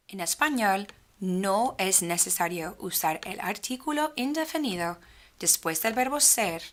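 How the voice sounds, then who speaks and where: Slow, careful woman teaching grammar. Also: fairly low pitch, fairly bright tone. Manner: slow, clearly spaced speech with stretched example phrases.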